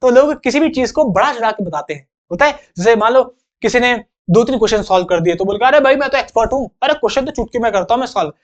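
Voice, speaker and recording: A man's voice: very high-pitched, expressive, fast talker, few pauses, highs cut off. A young man teaching an English vocabulary lesson in a chatty, joking way, acting out little examples.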